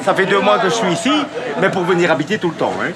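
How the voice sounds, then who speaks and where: A man from Belgium with a Belgian French accent, talking in a friendly, excited way outdoors at a village party. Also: sits high, fast. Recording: loud crowd outdoors.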